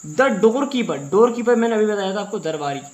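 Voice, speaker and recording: A man with an Indian accent teaching English through Hindi, reading English sentences slowly word by word and explaining each word again and again. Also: high-pitched, lively intonation, darkish tone, muffled recording.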